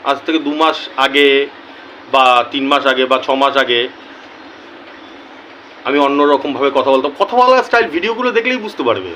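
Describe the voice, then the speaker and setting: A man talking earnestly to his viewers as a YouTuber, slow and deliberate, often repeating key words for emphasis. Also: mid-range voice, sharp tone, slight background noise, poor audio. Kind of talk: earnest casual talk to camera.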